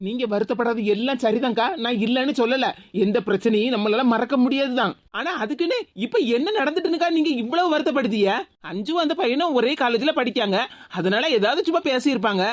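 Woman doing a sarcastic cartoon younger sister-type with a Tirunelveli accent, high and quick, dry close sound. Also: dry recording, natural voice. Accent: Tirunelveli Tamil. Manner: sarcastic, retorting. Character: blunt younger woman, sharp-tongued and loyal.

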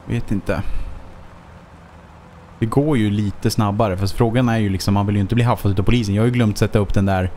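A man's voice: lowish voice, fairly even intonation, mellow, slight background noise. A man giving casual let's play commentary as a gaming YouTuber, chatting to himself with frequent swearing and chuckles.

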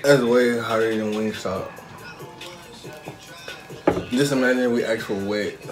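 A vlog cohost with a middle-range voice chats in a relaxed, teasing way. The delivery stays easygoing and unhurried, with music playing clearly behind. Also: mid-range voice. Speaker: vlogger. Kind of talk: casual couple vlog chat.

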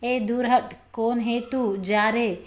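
A woman's voice: fairly high pitch, fairly even intonation, slow pace. A woman voicing rowdy young male street thugs who jeer coarsely in a storybook reading. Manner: jeering, coarse.

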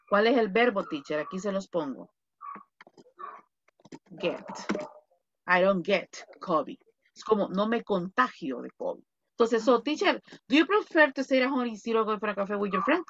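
A woman leads an online English class, speaking slowly and deliberately. She patiently drills pronunciation and draws answers out of her students. Her voice comes through slightly muffled video-call audio. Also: mid-range voice, a bit bright, no room sound. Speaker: English teacher. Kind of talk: online English lesson in Spanish.

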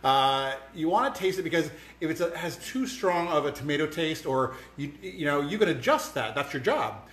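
A man's voice: fairly high pitch, lively intonation, normal speed, fairly bright tone. A man hosting a home cooking show, chatting casually to the camera with lots of fillers and restarts, in a home kitchen. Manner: rambling, many fillers and restarts. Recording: echoey room.

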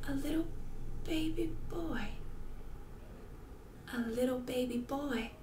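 A young woman playing a tragic, sorrowful pregnant small-town girl mourning her mother in a melodramatic monologue. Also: sits high. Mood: desperate lament. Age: young adult. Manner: tragic, sorrowful, melodramatic pleading with drawn-out pauses. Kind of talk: overwrought dramatic monologue. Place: small bedroom, indoors. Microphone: webcam at arm's length. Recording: roomy webcam sound, faint noise.

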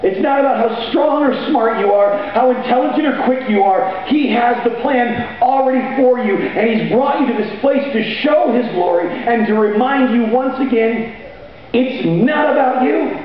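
A man's voice: extremely high pitch, moderate pace. Man preaching on stage in echoey hall. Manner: energetic, preaching while pacing the stage, sometimes shouting. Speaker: pastor. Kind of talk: sermon. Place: large hall stage with band gear, seen from far off. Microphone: handheld mic, far camera. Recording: echoey hall from far off, dull audio, faint noise.

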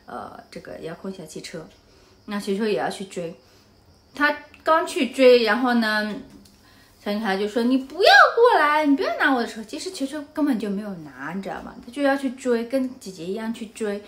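A woman's voice: medium pitch, lively intonation, moderate pace. A woman from Anhui, China, vlogging casually and telling a story animatedly, often turning to the viewer with asides.

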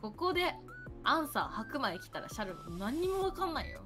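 A woman's voice: sits high, sing-song, fairly quick, music in the background. A woman streaming a game with friends in casual chat, giggly and reading chat questions aloud.

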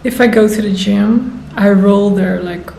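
A woman in her thirties talking casually to the camera, thoughtful and unhurried, pausing with fillers. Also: mid-range voice, gravelly, mellow. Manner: slow, thoughtful, with pauses and fillers. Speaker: vlogger. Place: bright room indoors. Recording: echoey room, faint noise.

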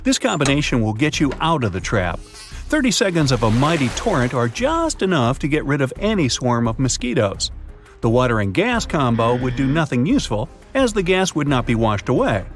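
A man narrating a survival riddle story in the second person, with lively dramatic delivery and quiz questions to the listener. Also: mid-range voice, moderate pace, faint music behind. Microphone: studio voice-over.

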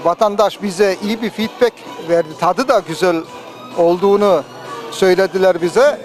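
A man's voice: high voice, moderate pace, soft background music. A man giving a promotional interview as a company representative, phrasing things hesitantly in short pieces.

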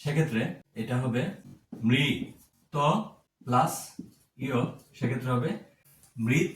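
A man giving a slow, careful pronunciation lesson, spelling words out sound by sound. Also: mid-range voice, echoey room, recorded from a distance, a little hiss or hum. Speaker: teacher.

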